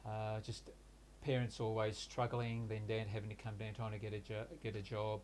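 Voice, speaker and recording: There's a little hiss or hum behind this older man as he looks back on his life in an interview. He's in his 60s, from Hungary, raised in Australia, a native Hungarian speaker, and he talks hesitantly, pausing and restarting often, in a flat, even, fairly low voice.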